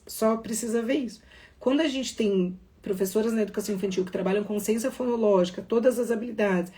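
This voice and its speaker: A middle-aged Brazilian woman with a Brazilian Portuguese accent giving a live training talk on literacy to teachers, emphatic and speaking to viewers directly. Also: mid-range voice. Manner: animated, emphatic, addresses viewers directly as "meu amor" and "Pro".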